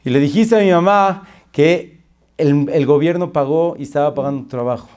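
A man voicing a calm, grateful male business owner who speaks in a measured, soothing way. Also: a little high, natural voice. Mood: heartfelt.

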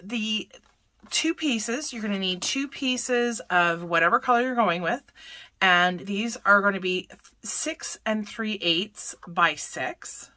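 Woman host of a craft tutorial: chatty, self-correcting, unhurried delivery, clear bright tone. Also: mid-range voice, no room sound. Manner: chatty, self-correcting, talks while working.

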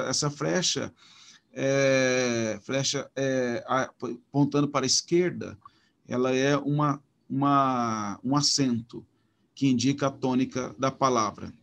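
A man with a Brazilian Portuguese accent teaching a recorded Hebrew lesson, talking haltingly with many restarts while he points things out on slides. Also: medium pitch, creaky. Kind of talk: recorded online lecture.

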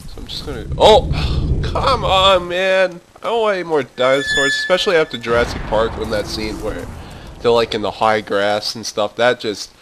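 A young gaming channel host delivers let's-play commentary, nervously narrating his game, swearing, laughing anxiously, and yelping when startled. His voice is medium-pitched at a normal speed, over a noisy background.

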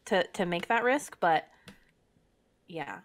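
A woman's voice: fairly low pitch, lively intonation, slow pace. A woman co-hosting a casual podcast chat. She talks bluntly and with lots of animation. She swears and jokes freely as she sounds off. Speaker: podcast co-host.

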